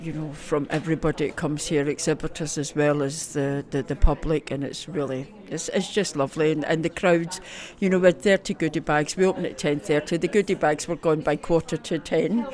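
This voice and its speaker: A woman's voice: sits low, steady tone, fairly quick, hardly any pauses, darkish tone. A woman with a broad Scottish accent, chatting enthusiastically as an event organiser in a casual interview, often repeating words. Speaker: festival organiser being interviewed. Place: busy festival venue at a football ground.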